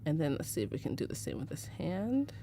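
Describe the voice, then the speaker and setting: Her voice sits low and warm, with a sing-song quality and a slightly fast pace. She's a young woman from Arizona in the United States, presenting a relaxed live photo-editing tutorial, chatty, filler-heavy, and laughing readily.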